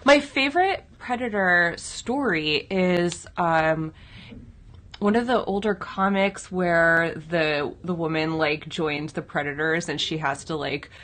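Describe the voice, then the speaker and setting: A woman's voice: fairly low pitch, slow pace, fairly bright tone. A woman co-hosting and working as a digital editor, chatting casually and rambling with lots of fillers. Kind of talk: casual chat reviewing comics.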